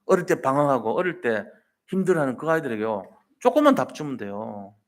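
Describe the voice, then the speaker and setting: A man's voice: medium pitch, very animated, a little fast. A man preaching a Sunday sermon in a colloquial storytelling way, pressing his listeners with emphatic rhetorical questions. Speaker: pastor.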